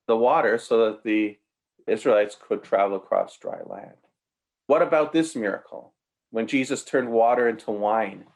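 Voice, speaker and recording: A man delivering an apologetics sermon at an ordinary middle pitch. He argues with emphasis, jumping up in pitch on key words. His pace shifts between quick runs and slow, drawn-out phrases. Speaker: preacher.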